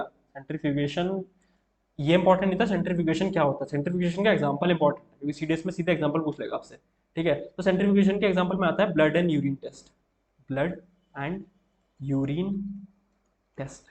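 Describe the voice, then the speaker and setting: A young man with a slightly high voice teaches an exam-prep chemistry lesson. He talks casually and often checks in with his viewers as he explains at the board. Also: a little mellow. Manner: casual, repeats "theek hai" often, writing on board.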